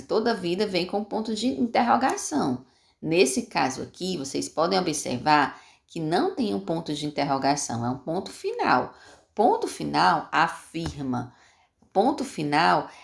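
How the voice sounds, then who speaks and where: A patient woman teacher explains schoolwork step by step to young children. Her voice sits low and has a gravelly edge. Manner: patient, repeats steps, asks and answers questions. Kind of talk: explaining homework to young pupils.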